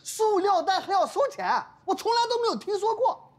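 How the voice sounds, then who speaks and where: A shrill, quarrelsome customer in a TV drama, stammering and shouting in indignation. His voice sits very high and swings widely as he complains. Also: very animated, moderate pace. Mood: angry. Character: loud petty male shop customer, quarrelsome. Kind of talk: television drama acting.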